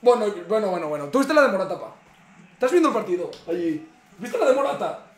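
A man's voice: high voice, big pitch swings, quick pace. A young man with a Spain Spanish accent, reacting live to a football match, swearing and exasperated at the screen. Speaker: streamer. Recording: echoey room.

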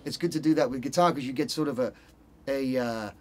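A middle-aged Spanish man with a mid-range voice talks fast. He's a guitarist appearing as a casual interview guest, often groping for words while seated in a recording studio control room.

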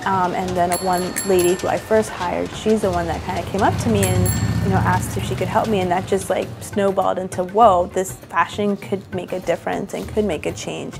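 A young fashion designer and boutique owner, seated across from an interviewer in an indoor room, earnestly relates her story in a chatty style loaded with "like." Her voice is fairly low with vocal fry and fairly even intonation, moving a little fast with hardly any pauses, while soft music plays beneath.

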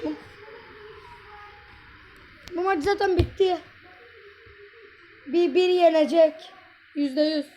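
A woman with a very high, piping voice rants through a mobile football match, excitable and quick to exasperation. Her voice sounds a little hoarse from all the shouting, and she talks straight into her tablet while she plays. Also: muffled recording, slight background noise. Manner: exasperated, excitable, ranting at the game. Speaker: gameplay vlogger. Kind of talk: live mobile gameplay commentary.

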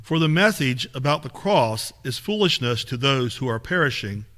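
A man reading scripture aloud in a steady, measured way during a church service in a small sanctuary, picked up by a far camera. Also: medium pitch. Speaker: lay reader.

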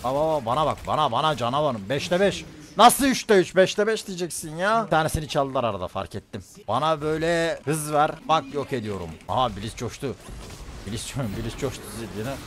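Young male streamer, loud excitable game commentary, swears a lot, faint noise behind. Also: mid-range voice, brisk. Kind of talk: live gaming commentary.

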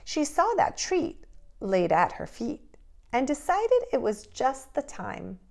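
Speaking as a preschool teacher, this middle-aged woman addresses small children with careful, expressive read-aloud instructions. She has a high voice whose pitch swoops wildly, with a gravelly yet slightly mellow quality.

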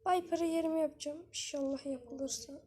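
High pitched woman doing live game commentary, chatty and excitable, swears when annoyed. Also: normal speed, a little hiss or hum. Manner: frustrated outbursts with swearing. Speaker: gaming channel host.

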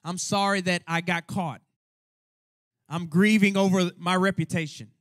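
A man's voice: high voice, fairly even intonation, a little slow, fairly bright tone, no room sound, clean studio sound. A man preaching a sermon as pastor, earnest and conversational, with colloquial asides to the congregation. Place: church sanctuary.

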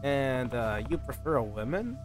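Over background game music, a livestreaming man voices the game's dialogue in a playful, sing-song way at a moderate pace. His voice sits in the mid range, and he tosses in improvised remarks while occasionally tripping over a line.

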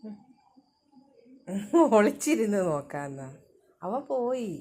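A woman's voice: medium pitch, big pitch swings, slow pace, dark tone. A woman filming her pet dog outdoors near her home gate, talking to it in coaxing, sing-song baby talk.

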